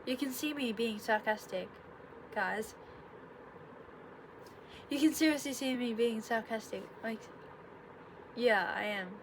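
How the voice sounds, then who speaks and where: There's noticeable room noise as a young woman vlogs from her bedroom, her voice a little high and slightly congested. She talks slowly and pauses often. The video is a casual explainer in which she rambles, corrects herself, and adds sarcastic asides.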